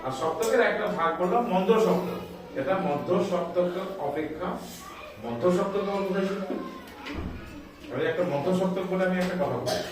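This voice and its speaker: A man's voice: high voice, animated, brisk, heavy reverb, distant mic. A man teaching schoolchildren a music lesson, explaining step by step, calling out scale notes and scolding the chatty ones. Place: school classroom.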